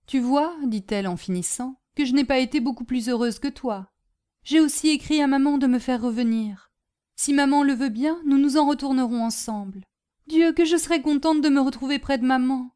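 A woman's voice: sits high, moderate pace, mellow, clean tone, voice pushed up, close to an everyday voice. A woman doing an anxious homesick young girl.

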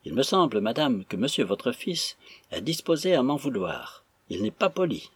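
A man voicing a boisterous, impatient male stranger who talks loudly and theatrically. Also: medium pitch, very animated, normal speed, husky. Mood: swaggering. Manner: loud, mocking, theatrical.

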